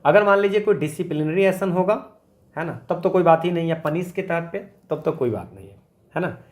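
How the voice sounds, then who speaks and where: Guy teacher going over exam questions, kinda high voice, keeps asking "right?". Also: expressive. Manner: explains step by step, reads questions slowly, asks rhetorical questions; frequent tag questions like "है ना" and "ठीक है". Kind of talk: exam revision lecture.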